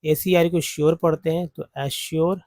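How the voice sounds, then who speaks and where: A man teaching English phonics from slides, explaining word parts slowly. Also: fairly high pitch, little pitch movement, a little mellow, no echo. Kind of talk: slide-based phonics lesson.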